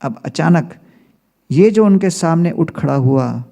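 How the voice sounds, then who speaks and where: Male spiritual teacher, gravelly, mellow tone, slow humorous storytelling lecture. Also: on the high side, lively intonation. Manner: anecdotal, humorous, mixes in English phrases.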